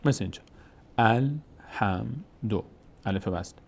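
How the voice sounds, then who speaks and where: A man teaching Quran reading step by step, patiently repeating each rule and slowly sounding out example words. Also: medium pitch. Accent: Persian-speaking, Tajikistan channel. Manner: patient, repeats rules, addresses viewers as dear ones. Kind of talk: step-by-step recitation lesson.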